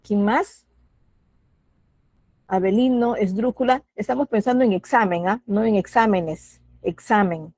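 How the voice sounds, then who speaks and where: A woman's voice: mid-range voice, unhurried, a little mellow, no echo. Patient woman teaching an online class. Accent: Peruvian Spanish. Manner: patient, questioning, calls on students by name.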